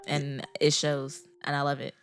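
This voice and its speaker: A woman who designs clothes, chatting as a guest on a talk show, enthusiastic and quick to laugh. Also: low-pitched, completely flat delivery, clean tone, soft background music. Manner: warm, enthusiastic, laughing easily. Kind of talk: casual chat.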